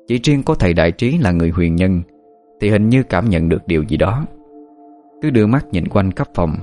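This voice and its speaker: Deep-voiced male storyteller. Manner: calm, measured storytelling. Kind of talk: scripted narration of a ghost story. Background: faint music.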